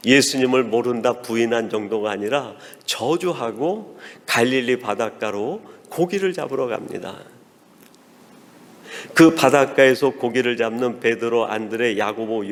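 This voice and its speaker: A pastor delivers a sermon from the pulpit, narrating a story and voicing the quoted exchanges more softly. His voice sits at an ordinary male pitch. The sound carries the long reverb of a church sanctuary. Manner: storytelling, acting out quoted dialogue in a softer voice.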